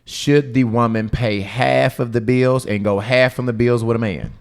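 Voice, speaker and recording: A man with a mid-pitched, everyday voice, hosting a relaxed podcast conversation. He presses for details and keeps the discussion moving along. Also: moderate pace, gravelly, smooth. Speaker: podcast host. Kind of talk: casual chat.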